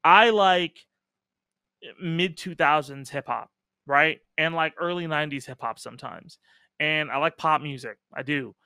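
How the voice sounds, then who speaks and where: A man's voice: on the high side, unhurried, pushed and bright, clear, resonant tone, dry recording, clean studio sound. A man hosting a casual podcast chat, talking emphatically with lots of fillers and casual swearing. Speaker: podcast host.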